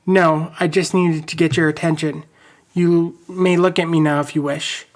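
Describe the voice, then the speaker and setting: A man reading as a gruff big-cat god. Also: fairly high pitch, little pitch movement, normal speed, natural voice. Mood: calm. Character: gruff mountain-lion god, male, calm.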